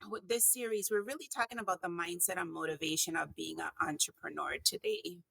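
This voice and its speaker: Creaky-voiced woman hosting. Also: on the low side, fairly even intonation, brisk, fairly bright tone, no echo, low-quality recording. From US Virgin Islands (St. Croix). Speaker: podcast host. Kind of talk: conversational podcast hosting.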